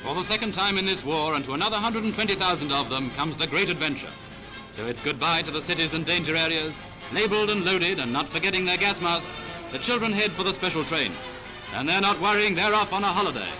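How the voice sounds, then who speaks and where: A man narrating an old wartime newsreel in a brisk, rousing, patriotic announcer's manner. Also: on the high side, animated, poor audio. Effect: old newsreel soundtrack with music behind. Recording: newsreel audio with music. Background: music.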